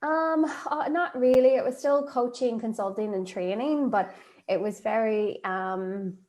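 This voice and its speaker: A woman's voice: fairly high pitch, a little slow, darkish tone. A woman, a life coach chatting as a guest in an interview, talking freely with many fillers and frequent laughs. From Northern Ireland. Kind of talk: casual interview chat. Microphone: video call.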